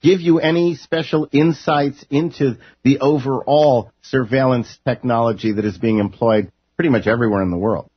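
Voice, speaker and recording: A man from New York hosting a broadcast interview, reading a measured introduction and asking questions. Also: medium pitch, fairly even intonation, breathy edge, dry recording, lo-fi sound. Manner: measured announcer delivery. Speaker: radio host.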